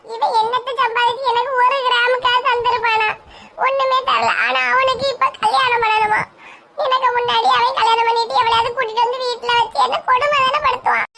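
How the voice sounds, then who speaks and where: A woman with a Kanyakumari Tamil accent playing a tearful, hot-tempered young woman in a comedy sketch, scolding with quick insults. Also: very high voice, little pitch movement, vocal fry, very noisy. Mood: aggrieved. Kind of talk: comic sketch acting.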